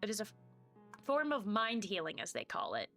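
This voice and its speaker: A woman's voice: medium pitch, huge pitch swings, fairly quick, creaky, fairly bright tone, exaggerated voice. A woman voicing a pedantic male halfling scholar who talks in a formal, long-winded way, with faint music in the background. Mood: lecturing.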